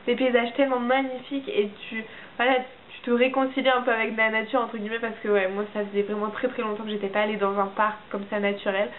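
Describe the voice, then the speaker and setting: A young French woman, an au pair, chatting casually in a vlog update, hesitant with many fillers and restarts. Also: on the high side. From France. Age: young adult. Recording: tinny phone-like audio with faint hiss.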